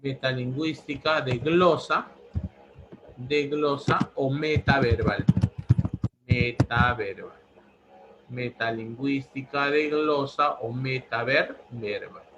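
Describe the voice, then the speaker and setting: Slow, repetitive teacher. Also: male voice, mid-range voice, highs cut off, background noise. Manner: slow, repeats each answer several times. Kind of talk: pre-university language lesson.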